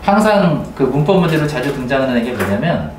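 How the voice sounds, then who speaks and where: A male teacher giving a grammar lecture to a class, often checking in with quick questions. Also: mid-range voice, big pitch swings, background noise. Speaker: English teacher. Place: classroom with students. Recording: roomy classroom, mic at a distance.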